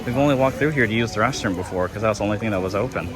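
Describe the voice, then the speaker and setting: A male theme park vlogger gives casual walk-through commentary. He exclaims readily at what he sees. Loud music plays around him as he goes. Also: lowish voice, rapid-fire. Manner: wowed, exclaiming at sights.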